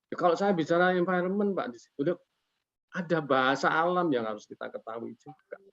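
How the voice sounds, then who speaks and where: A man's voice: fairly high pitch, fast talker, fairly bright tone. A man who is a guest expert on a webinar, explaining in a folksy way, asking himself rhetorical questions and politely addressing the host after nearly every phrase. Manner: poses rhetorical questions and answers them himself. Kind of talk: casual explanatory talk over a webinar call. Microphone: video call. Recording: lo-fi online call audio.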